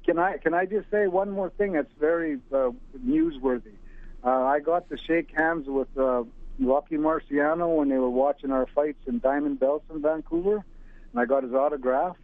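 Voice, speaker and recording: A man in his sixties calling in over the phone to a radio show, rambling and halting with many uhs. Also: fairly high pitch, no room sound. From Alberta, Canada. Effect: heard over the phone. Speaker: radio caller. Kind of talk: casual phone-in chat. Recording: tinny dry phone line.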